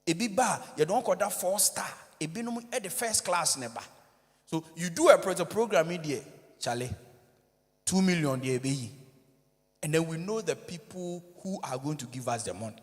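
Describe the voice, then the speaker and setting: A man with a Ghanaian accent, a church minister giving an animated, joking conference talk that switches between English and Twi. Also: a little high, normal speed. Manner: animated, joking, code-switching, addresses audience directly. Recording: long reverb of a large hall.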